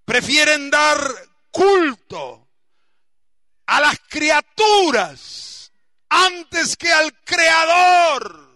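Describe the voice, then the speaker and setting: A man with an Argentine accent preaching a sermon as pastor, emphatic, bursting into shouts on key words and dropping low for asides. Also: sing-song, drawn-out words, long pauses, no room sound, clean studio sound. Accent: Argentine Spanish.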